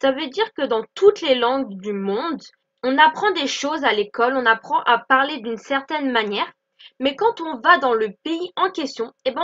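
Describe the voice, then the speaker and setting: Bright high-voiced woman teaching English. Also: muffled recording. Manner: clear, explanatory, repeats example phrases slowly. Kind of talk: online language lesson.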